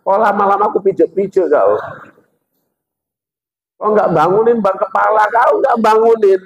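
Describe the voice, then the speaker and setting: A man voicing a sharp-tongued, scolding middle-aged wife who nags quickly, in a dull lo-fi recording. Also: on the high side, vocal fry. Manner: nagging, rapid scolding. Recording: dull lo-fi sound.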